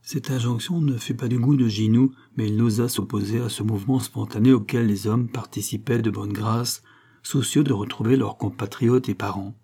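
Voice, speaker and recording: A man narrates a crime story as an audiobook, steady and measured. His voice is dark and mellow with a husky grain. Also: on the low side.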